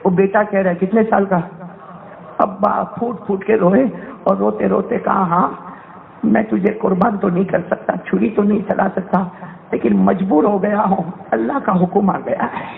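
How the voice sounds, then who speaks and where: A man's voice: high voice, fairly even intonation, vocal fry, slight background noise. A male Islamic preacher telling a story in an emotional sermon, fervently quizzing his audience. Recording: tinny phone-like sound.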